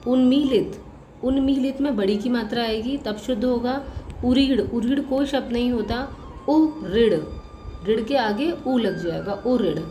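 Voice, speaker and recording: A woman's voice: a little high, normal speed, dark tone. A woman college professor giving a spelling lesson, patiently working through correct and incorrect words and repeating each one. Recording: echoey room with faint music.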